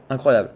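A streamer hosts a casual livestream chat, joking around playfully. He swears freely and slips into theatrical mock laments.

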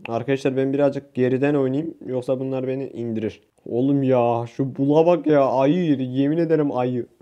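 A young man from Turkey giving excitable, swear-filled commentary over his own gameplay, shouting and yelping when things go wrong. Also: mid-range voice, brisk, dull audio. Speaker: gaming youtuber.

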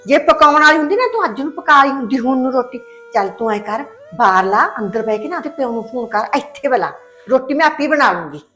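A sharp-tongued middle-aged mother-in-law scolds in a fairly high voice in a short film drama. She talks one way to her son and another to her daughter-in-law. Faint music sits under her lines. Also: lively intonation, fast talker. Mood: scolding, bossy.

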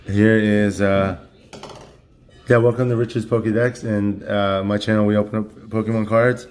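A hoarse man with a lowish voice, giving out from illness, hosts a card-opening channel and chats casually while unboxing at a table at home. He speaks in a flat monotone, halting and restarting often, filling gaps with "uh" and "you know," and there's a little hiss or hum.

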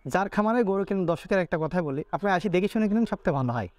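Brief: male farmer, fairly high voice, dry close sound, quick and eager. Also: lively intonation, a little mellow, no echo. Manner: quick, repeats "ji, ji" and "thik ache?". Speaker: dairy farmer. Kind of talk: casual on-site interview. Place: cattle farm.

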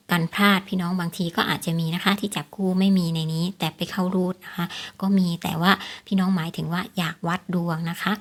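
A woman hosting a casual tips vlog, explaining things to viewers, repeating her points and often checking for agreement with polite particles. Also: lowish voice. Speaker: lottery tips channel host.

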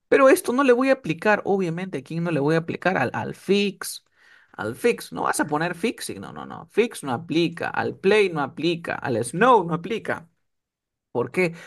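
A man's voice: fairly high pitch, fairly bright tone. A man teaching English one-on-one over a video call, often checking that his student is following. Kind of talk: one-on-one online tutoring.

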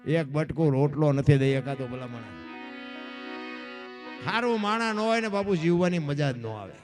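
A male folk storyteller with a high voice and a Kathiawadi Gujarati accent spins village tales. He talks folksy and direct, calling his listeners bapu. Faint music hums behind him. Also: lively intonation, normal speed. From Surendranagar district, Gujarat. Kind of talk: lok dayro folk storytelling.

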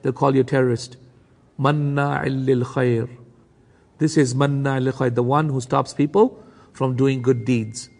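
A man's voice: mid-range voice, steady tone, racing, gravelly, a little mellow, in a large hall. A man teaching a Quran commentary lesson who recites Arabic verses at speed, then explains them to his brothers and sisters. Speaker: Islamic teacher.

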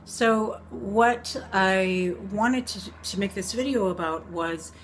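A woman's voice: mid-range voice, slow pace, slight background noise. A woman in her forties chatting casually about makeup in a rambling way, full of ums and self-corrections, recorded on a camera in her bedroom. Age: 40s. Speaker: beauty vlogger. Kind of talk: casual makeup review vlog. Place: bedroom at home.

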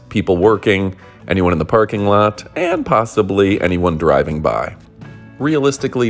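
A man hosting and narrating a casual documentary in an upbeat way, with jokey asides. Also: medium pitch. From Detroit area. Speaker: host and narrator.

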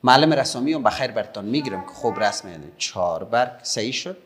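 A middle-aged man with an Afghan Dari accent, teaching young children patiently, repeating slowly and praising often. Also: mid-range voice, expressive, fairly bright tone. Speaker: primary school teacher.

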